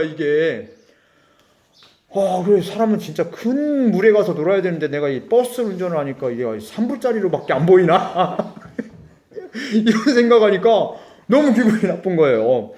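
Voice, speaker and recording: A man's voice: high voice, a little mellow, echoey room. A middle-aged Korean man preaching a sermon as a pastor, telling a story with acted-out dialogue and laughing asides.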